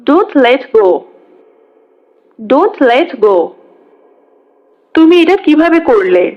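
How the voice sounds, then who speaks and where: Woman tutor, high bright pitch, dull lo-fi recording, slow drill reading. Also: sing-song. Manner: says each phrase in Bengali, then repeats the English twice, slowly. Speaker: English teacher. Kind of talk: reading phrase drills aloud. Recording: dull lo-fi sound.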